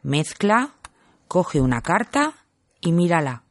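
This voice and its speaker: A woman from playing a calm female hypnotist who leads a guided relaxation in a soft, soothing voice. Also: lowish voice, very noisy, heavily acted. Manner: soft, slow, soothing delivery. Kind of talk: scripted guided-meditation sketch.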